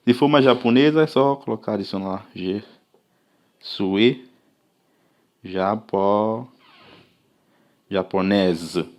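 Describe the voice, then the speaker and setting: Casual tutor: an African man, lowish voice, teaching at a slow and patient pace, repeating each example. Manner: patient, repetitive, checks understanding with "tá vendo?"; slowly drawn-out example phrases. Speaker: language teacher. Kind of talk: casual spoken language lesson.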